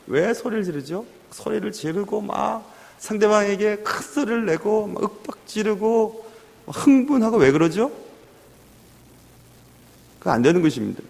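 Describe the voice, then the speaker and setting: A male pastor preaching a sermon in an animated way, acting out the voices he quotes. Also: high-pitched. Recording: long hall reverb.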